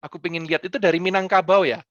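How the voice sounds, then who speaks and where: A man answering students' questions on a video call, talking in a playful, animated way and dropping in English phrases. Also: high voice, racing, no room sound, lo-fi sound. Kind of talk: lively Q&A on a school video call.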